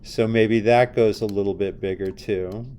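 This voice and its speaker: A man's voice: fairly low pitch, fairly even intonation, normal speed, dark tone, a little hiss or hum. A man teaching a design class, talking casually and asking his students questions as he works. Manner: conversational, asks the class questions. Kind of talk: classroom lecture with screen demo.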